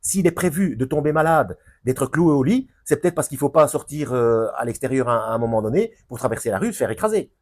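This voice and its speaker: A man's voice: medium pitch, expressive, a little fast, hardly any pauses, darkish tone. A man giving an unscripted Bible teaching for his video channel, hesitant with many fillers and restarts, rising into emphatic points.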